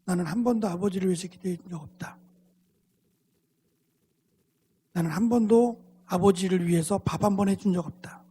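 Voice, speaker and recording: Male preacher acting out a distraught teenage girl, pleading prayer, high husky voice, long hall reverb. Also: quick pace, mellow. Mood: soul-searching. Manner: pleading, complaining, near tears. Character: troubled teenage girl praying to God.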